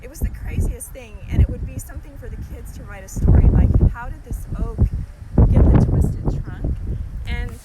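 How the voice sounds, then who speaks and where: Female nature guide, enthusiastic and informal, rather high voice, off-mic outdoors in heavy noise. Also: normal speed. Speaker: education manager and nature trail guide. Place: outdoors on an oak woodland trail. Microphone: camera a couple of metres away. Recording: distant mic, loud outdoor wind noise.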